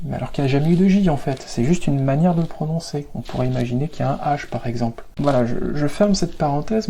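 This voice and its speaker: A video host from Paris explains etymology in a Parisian French accent, chatting informally and wandering off on tangents while stressing key words. His mid-range voice is warm with vocal fry, over a slight hiss or hum.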